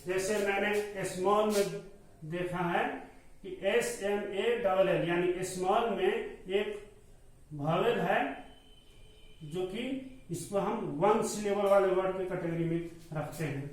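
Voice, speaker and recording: Male teacher, slow and repetitive, high voice; recorded from a distance in a very echoey room. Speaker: school teacher. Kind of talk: classroom grammar lesson. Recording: echoey room, mic far off, faint noise.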